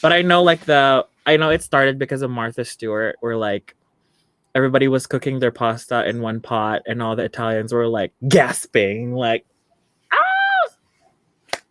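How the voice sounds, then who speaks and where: A man's voice: medium pitch, fairly even intonation, normal speed, a bit bright. A young adult drag queen co-hosting a live chat show, chatty and gushing, laughing often.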